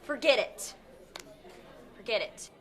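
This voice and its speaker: An actress playing a flustered young woman on a blind date, nervous and quick to protest. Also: fairly high pitch, expressive, fairly bright tone, husky, a faint crowd, exaggerated voice. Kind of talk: comedy sketch acting.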